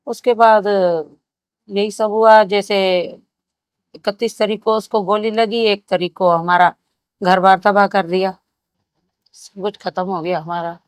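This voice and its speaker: A woman in her fifties gives a grave, steady personal testimony in an interview, telling it in short phrases. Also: mid-range voice, a little slow, pauses often, no room sound. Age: 50s. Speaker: survivor interviewee.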